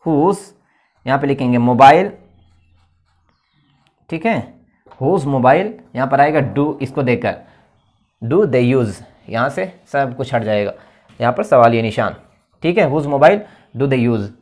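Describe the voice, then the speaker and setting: A man's voice: mid-range voice, expressive, slow pace, pauses often, darkish tone. A man teaching an English grammar lesson online, explaining patiently and repeating key points with frequent checks.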